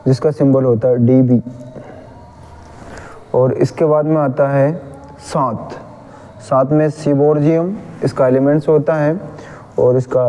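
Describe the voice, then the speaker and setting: A man's voice: medium pitch, warm tone, lo-fi sound. A man with a Hindi accent teaching chemistry, patiently repeating a memory trick and correcting his own slips.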